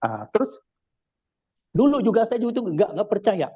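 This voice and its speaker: A man's voice: sits high, normal speed, husky, no room sound, lo-fi sound. A man from Indonesia with a Jakarta accent, giving a casual spoken church testimony and acting out the dialogue as he tells it. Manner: animated storyteller acting out dialogue.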